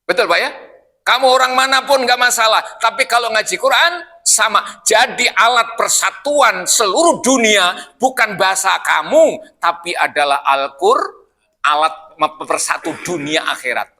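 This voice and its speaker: A man's voice: sits high, normal speed, bright, forceful tone. An older man preaching in a mosque, joking with the congregation and firing questions at them. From Indonesia. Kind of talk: sermon.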